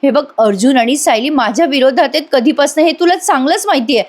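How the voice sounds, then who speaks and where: A woman voicing a scheming young wife who pleads in a high, whiny tone. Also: fast, lightly acted. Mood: pleading.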